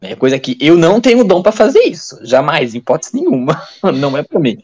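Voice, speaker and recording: A man, a guest telling stories in a casual, animated interview. He acts out the dialogue he retells and restarts his sentences often. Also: fairly high pitch, brisk, breathy edge. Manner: many fillers and restarts.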